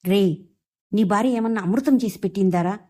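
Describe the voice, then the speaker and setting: A woman voicing a sharp-tongued older mother scolding her son. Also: mid-range voice, fairly quick, natural voice.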